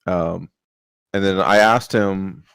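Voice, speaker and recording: Low gravelly man, rambling explainer. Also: fairly even intonation, slow, fairly bright tone, dry recording. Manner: rambling, filler-heavy, explanatory. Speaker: board game player explaining rules. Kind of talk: casual chat over a board game.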